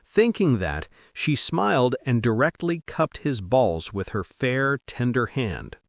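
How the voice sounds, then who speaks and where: Slow, expressive male story narrator. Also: medium pitch, gravelly, no room sound, studio quality.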